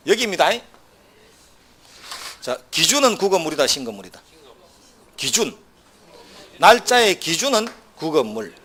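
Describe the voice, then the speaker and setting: Male law lecturer, a bit higher-pitched than most men. Brisk, drilling exam-prep delivery with rhetorical questions and wry humor. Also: a bit bright, a little hiss or hum. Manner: brisk, quizzing students with rhetorical either-or questions; wry asides with short laughs.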